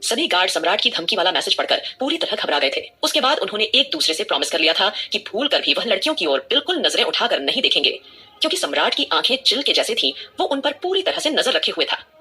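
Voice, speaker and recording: A woman's voice: medium pitch, sing-song, fast, bright, forceful tone, breathy edge. A woman narrating a scripted audio drama with dramatic storytelling.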